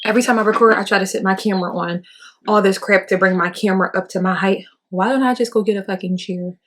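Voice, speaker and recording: A woman's voice: mid-range voice, a bit bright, a little hiss or hum. A young woman, chatting loosely through an at-home beauty tutorial in her kitchen and swearing casually. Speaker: beauty vlogger.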